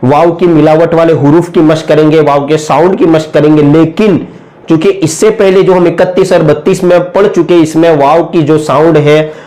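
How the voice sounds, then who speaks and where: A man giving a patient, step-by-step lesson on writing letters, drawing out each sound slowly and often checking in with the viewer. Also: a little high, steady tone, warm tone. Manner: frequent check-ins with the viewer. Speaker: Urdu writing teacher.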